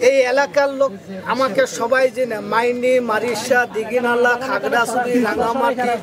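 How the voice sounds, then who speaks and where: Out at a busy public spot, a street hawker pitches amulets and herbal charms to a crowd, using insistent, repetitive patter in short phrases. His voice is very high-pitched and level at a moderate pace, and the recording is full of loud crowd and traffic noise from the street.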